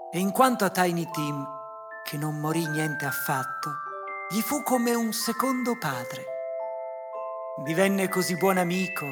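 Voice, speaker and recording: Unhurried storybook narration, slow delivery, clear glockenspiel music underneath. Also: mid-range voice. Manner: measured, unhurried reading. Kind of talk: audiobook storytelling.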